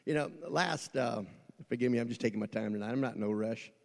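A middle-aged male pastor preaching a folksy sermon, swinging from quiet asides to shouting, recorded in a church. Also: medium pitch, fast talker, creaky. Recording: long church reverb.

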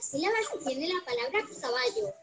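A woman with a Spain accent narrating a children's video, slow and sing-song, drawing words out syllable by syllable. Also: very high-pitched, big pitch swings, gravelly. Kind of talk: cheerful scripted narration for children. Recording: video played over a call with faint music.

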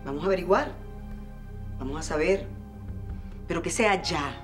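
A woman's voice: lowish voice, moderate pace, lightly acted. An actress playing a grieving young woman who firmly demands the truth, in a telenovela. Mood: determined. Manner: firm, determined. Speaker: Clara, the daughter. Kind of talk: telenovela acting. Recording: telenovela scene with loud music.

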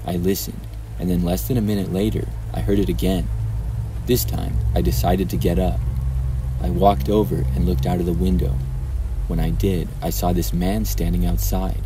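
A man narrating true horror stories in a calm, even storytelling manner. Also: low voice, a little hiss or hum, poor audio.

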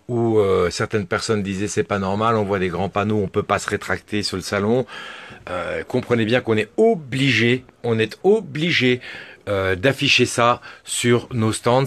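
A man's voice: on the low side, dry recording. A man hosting a casual interview and walkthrough at a camper van show stand, chatty and reassuring, speaking straight to viewers. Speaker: show host.

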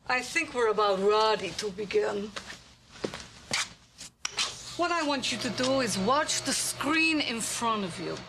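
Doctor Shrinkman, slow smug shrink. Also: medium pitch, noisy background. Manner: slow soothing hypnotist patter. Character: smug clinical stage psychiatrist, squeamish. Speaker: psychiatrist. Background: music underneath.

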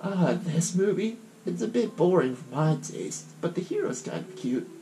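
A man voicing a kindly old grandmother who runs a shop in a game, speaking slowly and softly. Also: sits high, lively intonation. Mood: gentle. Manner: slow, soft old-lady delivery. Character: kindly old grandma shopkeeper, gentle and homely. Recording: guitar music playing behind.

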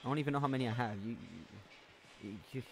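A man giving casual gameplay commentary, swearing a lot, talking to the game's characters and yelling when startled. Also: mid-range voice, steady tone, fast talker. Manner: jumpy, yells when startled. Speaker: let's play host.

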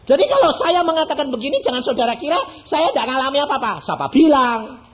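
A man's voice: very high-pitched, sing-song, quick pace, muffled recording. A man in his eighties with a Javanese accent, preaching a sermon in a colloquial, playful way and constantly asking the congregation rhetorical questions. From Central Java, Indonesia. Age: 80s. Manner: colloquial and playful, with sudden swings between loud and hushed. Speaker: evangelist preacher.

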